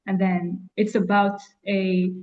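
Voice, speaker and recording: Slow-spoken woman from Algeria. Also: mid-range voice, flat delivery, phone-quality sound. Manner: slow, halting, many fillers and restarts. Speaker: astrologer and spiritual guide. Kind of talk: interview guest.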